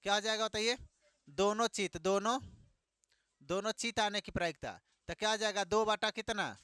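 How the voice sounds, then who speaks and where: A man's voice: sits high, moderate pace, pushed and bright, clear, resonant tone, no room sound, studio quality. A man teaching a classroom math lesson, asking questions and repeating each answer back. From Bihar, India.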